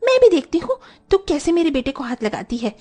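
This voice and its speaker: A woman voicing a quarrelsome, protective mother in an animated story, shouting and threatening. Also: sits high, a little fast. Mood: angry protective.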